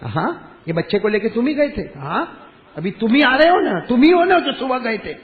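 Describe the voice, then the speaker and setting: A man's voice: extremely high pitch, sing-song, voice pushed up. A male preacher voicing a puzzled prophet pleading and asking questions in a sermon story. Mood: questioning. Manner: pleading, repeating himself. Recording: tinny phone-like sound.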